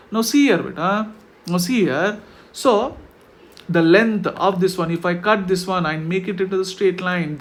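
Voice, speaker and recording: A man's voice: sits high, fairly bright tone. A man with an Indian accent teaching maths step by step, often stopping to check understanding with short tag questions. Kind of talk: online maths lesson explained step by step.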